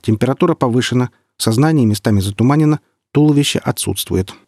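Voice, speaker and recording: A man's voice: medium pitch, quick pace, a little mellow, no room sound, studio quality, natural voice. A man voicing a pedantic robot doctor on tracks who speaks in formal, report-like statements. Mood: clinical.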